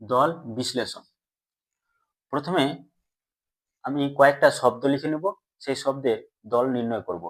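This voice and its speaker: A man teaching a grammar lesson to students. He asks them questions and answers them himself, and he stretches out words slowly syllable by syllable. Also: mid-range voice. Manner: drawn-out slow syllable-by-syllable pronunciation.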